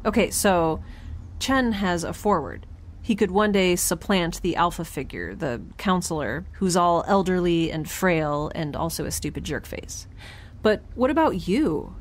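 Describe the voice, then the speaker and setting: In an audio drama, this woman voices a quirky young scientist in space, delivering a chatty log with a wry, musing mood. Her lowish voice is expressive and paced with care, and her informal manner is full of self-interruptions.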